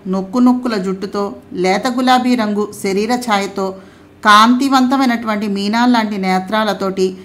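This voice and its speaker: A woman narrating an audio story in a calm, measured reading voice. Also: medium pitch.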